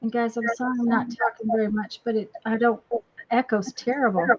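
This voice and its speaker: A woman casually hosting a live craft demonstration in a halting, folksy, apologetic way, her voice repeating with a strong echo. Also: fairly high pitch, steady tone, husky. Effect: strong distracting echo on the voice. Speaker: craft tutorial host. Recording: dull lo-fi sound with bad echo.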